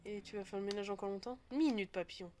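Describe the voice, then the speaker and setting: A woman's voice: medium pitch, completely flat delivery, racing, darkish tone, a little hiss or hum. A woman giving casual, sarcastic let's-play commentary, swearing and laughing as she plays. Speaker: gaming streamer.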